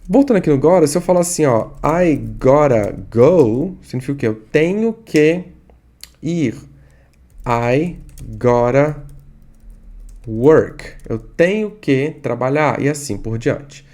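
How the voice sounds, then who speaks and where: A man with a Brazilian Portuguese accent teaching an English lesson online, patiently repeating and drilling words slowly. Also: fairly high pitch, animated, a little mellow.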